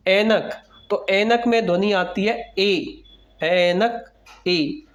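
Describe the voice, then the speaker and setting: A man teaching young children their letters, unhurried and deliberate, asking a question and then answering it himself. His voice sits high for a man, and the recording sounds dull and lo-fi. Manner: asks questions and answers them himself, repeating each sound. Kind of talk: Hindi alphabet lesson for children.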